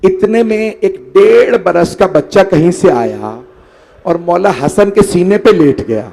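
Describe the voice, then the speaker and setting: Preacher, man, fairly high gravelly voice, pleading grief sermon, sounds worn out. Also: animated, dark tone. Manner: pleading, addresses the mourners directly. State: tired, short of breath late at night. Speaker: preacher at a mourning gathering. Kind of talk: emotional majlis sermon recitation.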